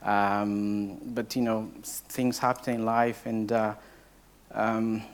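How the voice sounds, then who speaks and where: A hesitant young Portuguese man from Portugal, a case study speaker at a training event, tells a personal story to a live audience, full of filler sounds and restarts. His voice is on the low side, smooth and level, and he takes it slowly.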